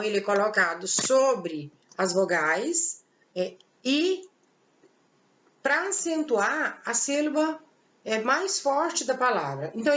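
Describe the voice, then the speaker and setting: A Brazilian woman teacher with a fairly high voice talks her students through a grammar lesson. She explains patiently, asking questions and answering them herself. The recording is dull and lo-fi, with a roomy echo around her. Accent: Brazilian Portuguese. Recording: echoey, dull lo-fi room recording.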